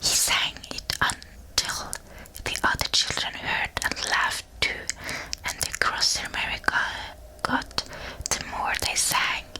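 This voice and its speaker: A woman reads a storybook in a soft, breathy, unvoiced ASMR whisper, slowly and deliberately, very close to a binaural microphone. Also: poor audio. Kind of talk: whispered ASMR audiobook reading. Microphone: close binaural ear-to-ear microphone.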